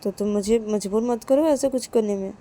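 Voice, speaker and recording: A woman's voice: mid-range voice, normal speed, warm tone, natural voice. A woman voicing a touchy young wife in a story who stammers and accuses. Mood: threatening. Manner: accusing, stammers and repeats herself. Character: touchy young wife, quick to take offence. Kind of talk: storytelling with acted dialogue.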